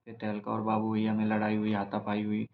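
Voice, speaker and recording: A young man casually recapping a reality show episode in a rambling, halting way, with many restarts and fillers. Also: fairly low pitch, monotone. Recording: slightly dull, lo-fi recording with faint noise.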